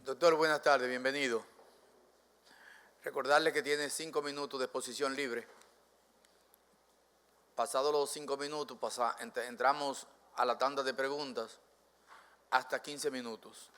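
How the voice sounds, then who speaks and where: A man's voice: mid-range voice, fairly even intonation, a little slow, long pauses, sharp tone, clean tone. A man chairing a formal panel, giving instructions in a formal tone. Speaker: panel president. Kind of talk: formal procedural announcement.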